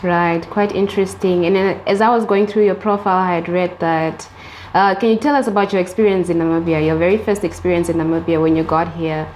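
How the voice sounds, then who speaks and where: A woman's voice: fairly low pitch, fairly even intonation, fairly quick, a little mellow, slight background noise. A woman hosting a talk show interview, polite, with some hesitant fillers when she asks questions.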